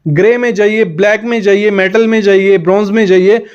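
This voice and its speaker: Male interior design advisor, fairly high voice, direct instructional delivery. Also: fairly even intonation, brisk, a little mellow, clean tone, lo-fi sound. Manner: direct, advice-giving, talks straight to the viewer. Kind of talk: instructional home design explainer.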